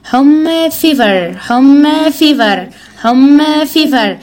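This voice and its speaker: A fairly high-voiced woman with an Egyptian Arabic accent teaches English to a child. She is patient, repeats each word several times, and spells the letters out one by one. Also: lively intonation, a little mellow. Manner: patient, repeats words slowly and spells them out.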